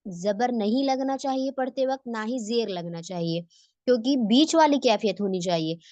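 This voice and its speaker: A woman's voice: on the high side, a little mellow, no echo, muffled recording. A woman teaching tajweed online in a patient, explanatory way, posing questions and answering them herself. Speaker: Quran recitation teacher.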